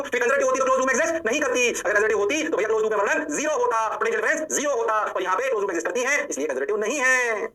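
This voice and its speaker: Fast, bright-voiced physics teacher. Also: male voice, a little high. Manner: animated, playful catchphrases, rhetorical questions to students. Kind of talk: energetic online lecture.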